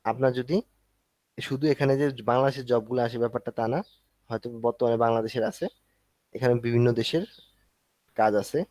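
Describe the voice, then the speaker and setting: A man leads an online class, his voice sitting in an ordinary middle pitch. He explains things step by step in a relaxed, conversational way. The sound is dry, with no room echo. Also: a little fast, long pauses. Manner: conversational, explaining step by step while showing a screen. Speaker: instructor.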